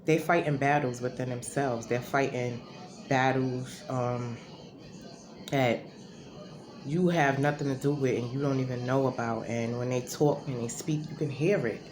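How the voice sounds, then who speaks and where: A woman's voice: rumbling low, steady tone, a little slow, a little mellow, faint music behind. A woman vlogging from her home, talking in a casual, rambling way and correcting herself as she goes. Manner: rambling, self-correcting, conversational. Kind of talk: casual talking-to-camera monologue. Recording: noisy home recording.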